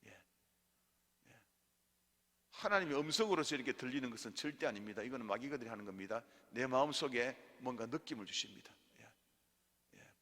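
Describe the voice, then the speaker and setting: Male pastor, bright lively voice, long church reverb. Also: mid-range voice, brisk, long pauses. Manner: lively teaching, has listeners repeat after him, frequent "yes" fillers. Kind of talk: lay theology class in church. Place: church hall.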